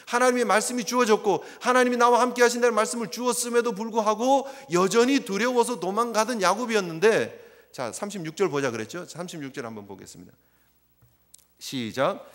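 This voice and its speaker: A male pastor preaching a sermon in a church, swinging between hushed, low passages and loud, emphatic ones. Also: fairly quick. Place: church sanctuary. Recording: long reverb of a church sanctuary.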